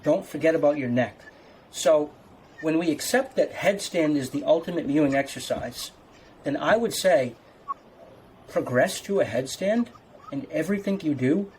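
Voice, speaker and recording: A man's voice: a little high, a little mellow, slight background noise, rough recording. A man talking casually like a fitness coach, giving instructions step by step.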